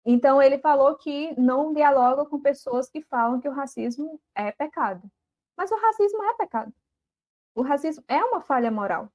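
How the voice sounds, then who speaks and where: A woman's voice: sits high, brisk, few pauses, darkish tone. A woman guest on a podcast, explaining earnestly with many filler words. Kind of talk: explaining in a live podcast chat.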